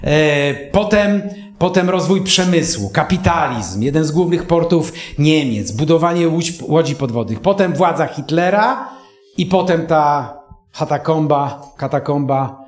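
A man in his fifties from Poland preaches a sermon and tells a personal story in an earnest, emotional way. He often turns to speak straight to his listeners. His voice sits a little high for a man and rings in a roomy, echoey space. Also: animated, unhurried.

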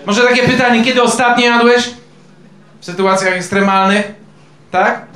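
A man's voice: very high-pitched, steady tone, moderate pace, a crowd in the background. A male pastor preaching a sermon in a conversational way, quizzing his congregation with questions. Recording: echoey room.

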